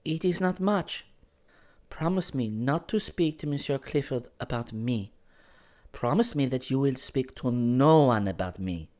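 Voicing a feverish young bohemian Frenchwoman, shy and secretive, a male narrator speaks in a high, lifted tone at an unhurried, natural pace. Her formal, careful phrasing is hesitant and guarded, with vivid rises and falls in period storybook-romance style, and her mood is pleading and nervous.

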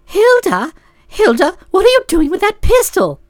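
Woman doing a fluttery, sentimental young lady, breathy, rising and falling. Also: very high-pitched, huge pitch swings, normal speed, dry recording, clean studio sound, exaggerated voice. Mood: tremulous. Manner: breathy and tremulous.

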